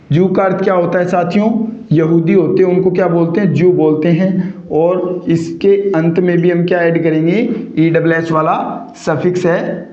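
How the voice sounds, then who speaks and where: A man's voice: high-pitched, darkish tone. A male teacher giving a grammar lecture, who keeps asking the class questions and answering them himself, repeating each key point. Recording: echoey, dull lo-fi room sound.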